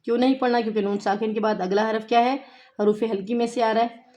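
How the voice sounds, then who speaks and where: Female tajweed teacher with a Pakistani Urdu accent and a somewhat high voice, patient and methodical, drawing recited words out slowly. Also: steady tone, a little mellow. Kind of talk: tajweed lesson with slow recitation.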